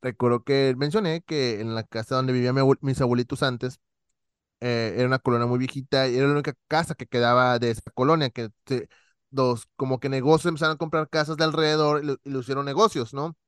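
A man, a podcast co-host telling stories in casual chat, animated and full of slang. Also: mid-range voice, quick pace, smooth, no echo, studio quality. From Monterrey, Mexico. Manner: animated storyteller, acts out voices, heavy slang.

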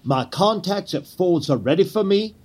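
With a high, expressive voice and a confident mood, a man performs the role of a persuasive, grandiose Confederate conspirator's leader in an 1860s drama. His oratory is theatrical and pleading, marked by emphatic pauses.

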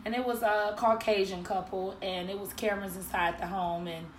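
A woman's voice: medium pitch, steady tone, moderate pace. A woman chatting casually as a podcast co-host, telling a story in a conversational way. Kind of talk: casual chat. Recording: roomy sound with faint background noise.

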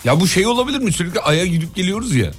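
A man hosting a radio chat, reading out news items and correcting his co-host. His voice sits a bit high and moves in a lively way, with faint music underneath. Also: very fast.

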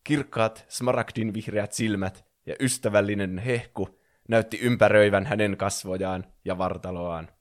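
A man's voice: lowish voice, fairly even intonation. A man reading a fan fiction story aloud in a playful way, acting out the characters.

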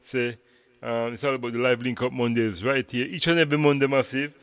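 A man with a Jamaican accent, hosting a radio show in relaxed patois. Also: mid-range voice, fairly quick, clear, resonant tone, dry recording. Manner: laid-back, patois fillers. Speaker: radio host. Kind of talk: casual radio chat.

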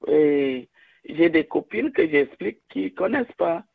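A woman calling in to a radio show over a phone line, speaking haltingly with many restarts. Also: sits low, expressive, vocal fry, no room sound. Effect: caller heard over a phone line. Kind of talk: call-in testimony.

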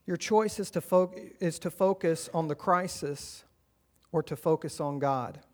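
A man preaching a sermon as pastor, earnest and encouraging, swinging between loud urging and quiet, hushed lines. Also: on the high side, unhurried. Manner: earnest, encouraging, rises and drops in volume.

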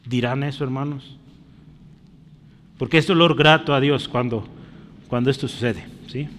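A man preaching a sermon to a congregation, checking in with constant tag questions and swinging between loud emphatic peaks and quiet drops. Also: medium pitch, fairly even intonation, measured pace. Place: church hall. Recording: long hall reverb.

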